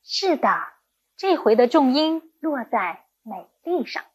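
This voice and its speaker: Slow, breathy, high-voiced woman teacher. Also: big pitch swings, darkish tone. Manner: slow, patient, encouraging teacher talk to young pupils. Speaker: primary school Chinese teacher. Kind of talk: recorded online lesson for children.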